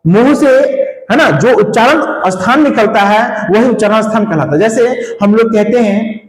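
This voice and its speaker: A man's voice: high-pitched, lively intonation, moderate pace, echoey room, rough recording. A male teacher giving a grammar lesson to students, asking questions and answering them himself, with frequent checks such as "right?".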